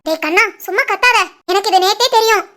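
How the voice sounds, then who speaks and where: A voice artist doing a squeaky teasing college girl. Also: fast talker, pushed and bright. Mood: affectionate teasing. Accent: southern Tamil Nadu dialect. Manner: playful, teasing, affectionate. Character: cheerful teasing young woman, college student in love. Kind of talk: cartoon voice acting.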